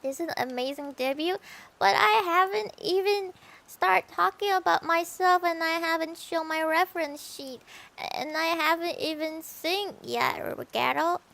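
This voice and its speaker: A woman voicing a nervous frog streamer girl who croaks after her sentences, with a high voice. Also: unhurried, sharp tone, exaggerated voice. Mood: nervous, playful. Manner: tacks "ribbit" onto sentences.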